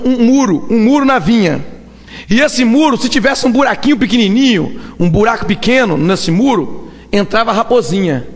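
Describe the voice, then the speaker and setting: A man with a Brazilian Portuguese accent preaching a Pentecostal sermon, emphatic and quick to break into shouts while asking the congregation questions. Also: high voice, vocal fry. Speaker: evangelist preacher. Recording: hall with long reverb.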